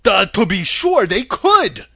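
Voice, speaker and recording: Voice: mid-range voice, sing-song, slow pace, vocal fry, pushed and bright, pitched above the performer's own voice, full character voice. A woman voicing a dim, good-natured male scarecrow with a drawling, doltish delivery, in a storybook reading. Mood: eager, dopey.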